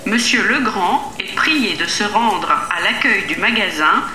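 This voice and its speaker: A woman making clear, formal announcements over a PA system, as in a recorded language lesson. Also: medium pitch, expressive, unhurried, bright, forceful tone, echoey room, slight background noise, rough recording. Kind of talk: scripted public announcements.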